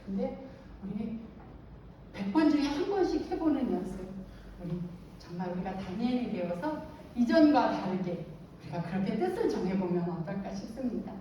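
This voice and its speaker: A middle-aged woman speaking at a church teacher training, telling stories in a lively way, acting out the voices she quotes, and laughing often. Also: medium pitch, moderate pace, dull audio, slight background noise. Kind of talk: anecdotal church talk. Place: large church hall. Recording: very echoey hall, distant mic.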